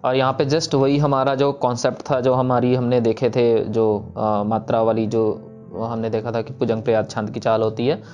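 A young man teaching the pronunciation of sacred verses, patiently repeating lines slowly syllable by syllable. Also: mid-range voice, little pitch movement, a little mellow, muffled recording, soft background music. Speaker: teacher of scripture recitation. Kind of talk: step-by-step pronunciation lesson, slow chanted examples.

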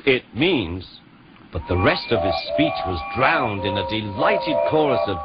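A man narrating a children's storybook with gentle, measured delivery. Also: lowish voice, big pitch swings. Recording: dull lo-fi with music.

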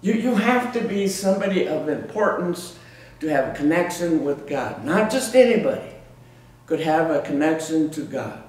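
A man's voice: on the high side, animated, normal speed, a little mellow. A middle-aged man preaching a sermon in a small church, emphatic, with frequent repeated words and restarts. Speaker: pastor. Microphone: far room camera. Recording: echoey church room from far off.

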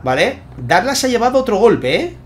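Excitable Spanish gaming commentator man. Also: sits high, brisk, background noise. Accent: Spain Spanish. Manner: excitable, constantly checking in with viewers. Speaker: channel host and tournament commentator. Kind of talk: gameplay commentary.

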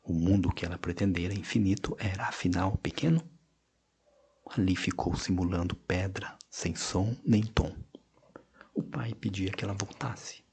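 A man narrating an audiobook of short stories in a measured, expressive reading with hushed passages. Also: sits low, husky. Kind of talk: scripted narration.

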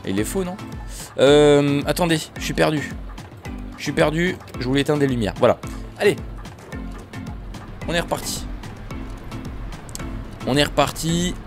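A man giving casual, joking commentary while playing a bus driving game, with his voice jumping up in pitch when excited. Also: normal speed, long pauses, over music. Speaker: gaming video creator.

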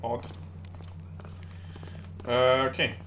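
A man with a medium-pitched voice musing his way through a casual game commentary. He hesitates as he thinks aloud, with loud ambient game noise behind him. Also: monotone, extremely slow. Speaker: let's play host.

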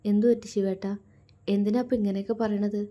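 A woman's voice: flat delivery, a little fast, natural voice. A woman voicing an anxious, tender young wife in a read-aloud romance story, pleading in a raised voice. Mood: worried. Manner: pleading, higher and louder than the narration.

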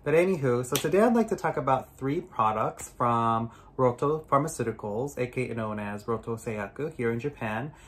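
A man with a raspy voice from allergies, casually reviewing skincare products at home in a chatty, rambling way. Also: medium pitch, animated, moderate pace, hardly any pauses, a little hiss or hum. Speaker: skincare vlogger.

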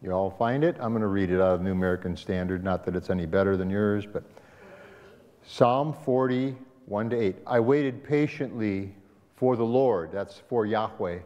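Conversationally teaching a Sabbath school class and quizzing the group, this male pastor speaks in a lowish, slightly mellow voice at a moderate pace. He's in a church sanctuary, and the recording sounds dull with hall echo.

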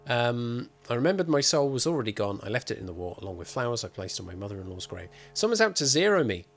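A man's voice: on the low side, fast, a little hiss or hum. A man streaming a game, chatting casually and reading in-game texts aloud in a playful, hammy dramatic way.

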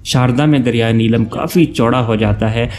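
A man from Pakistan, giving a steady, informative travel-guide voice-over that lists places one by one. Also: medium pitch, normal speed. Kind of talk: scripted travel narration.

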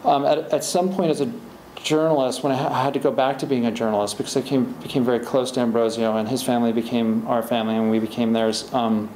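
A middle-aged author answers the audience at a library talk, speaking fast in a medium-pitched, slightly mellow voice with fairly even intonation. His replies ramble, with many restarts, captured by a podium microphone and far camera amid hall echo and faint hiss.

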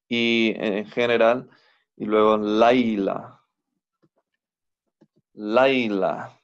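A man teaches a recorded language lesson at a very slow, unhurried pace. He is patient and says each word several times over for pronunciation. The audio is a bit dull and lo-fi. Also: medium pitch, creaky, smooth. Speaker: biblical Hebrew teacher.

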